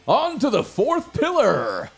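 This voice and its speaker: A man voicing a bombastic strength-contest announcer who makes showy, drawn-out proclamations. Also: very high-pitched, wildly swooping pitch, creaky, soft background music, voice pushed up, exaggerated voice. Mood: hyped.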